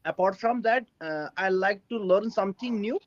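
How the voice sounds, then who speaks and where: A young man from Kashmir with a Kashmiri Indian accent and a high voice speaks hesitantly and haltingly while practicing English in conversation. The lo-fi recording has no echo.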